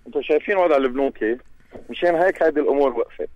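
A man's voice: mid-range voice, rapid-fire, dry recording, muffled recording. A man with a Lebanese accent explaining things as a radio guest, repeating phrases for emphasis. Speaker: transport union representative, radio guest.

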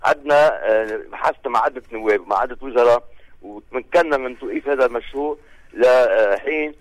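A man's voice: mid-range voice, fairly quick, dry recording, low-quality recording. A Lebanese man, a union leader calling in to a radio show, speaking firmly and listing figures. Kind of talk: radio phone-in statement.

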